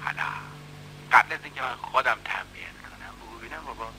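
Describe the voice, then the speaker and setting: A man's voice: high voice, animated, sharp tone, slight background noise, full character voice, rough recording. A man dubbing a swaggering, bullying middle-aged café loafer who mocks and threatens in a film. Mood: smooth menace. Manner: blustering, mocking, threatening. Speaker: dub actor. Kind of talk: dubbed film acting.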